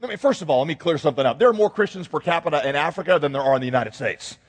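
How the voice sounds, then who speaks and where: A man preaching a sermon as pastor, telling stories and acting out voices in an animated way. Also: a little high, very fast, husky. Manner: animated storytelling with acted-out voices. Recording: echoey hall.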